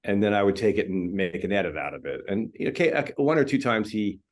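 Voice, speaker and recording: A fast-talking film editor with a voice on the low side chats through an interview. His manner is loose and friendly, full of fillers and false starts.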